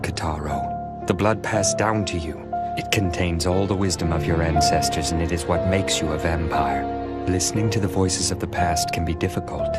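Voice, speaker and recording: A man's voice: deep voice, lightly acted. A man voicing a cocky, laid-back vampire mentor in an English anime dub. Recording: loud music behind the voice.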